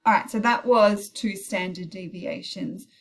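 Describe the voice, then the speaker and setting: A woman gives an informal maths tutorial in a mid-pitched voice. She thinks aloud as she works through each calculator step, with small self-corrections and quick apologies along the way. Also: steady tone. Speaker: maths teacher. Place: recorded while heavy rain pours outside.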